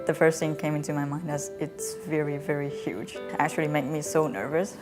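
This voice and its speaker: A woman's voice: low-pitched, little pitch movement, a little fast. A woman from Vietnam giving a student testimonial in a promotional video, speaking earnestly in simple phrases. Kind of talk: testimonial interview. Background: music.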